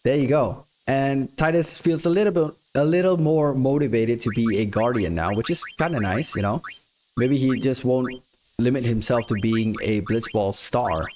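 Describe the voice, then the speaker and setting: Nasal, croaky man narrating gameplay. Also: mid-range voice, normal speed, darkish tone, a little hiss or hum. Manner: chatty, rambling. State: sick. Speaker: gaming youtuber. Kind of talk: casual gameplay commentary.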